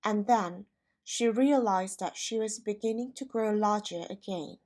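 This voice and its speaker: A woman narrating a storybook for language learners with clear, careful reading. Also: medium pitch, unhurried, a little mellow.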